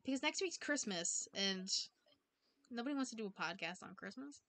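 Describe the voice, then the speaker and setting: Bright-voiced woman hosting a podcast. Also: fairly high pitch, expressive, moderate pace. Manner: playful, scolding banter. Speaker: podcast host. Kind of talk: casual podcast chat.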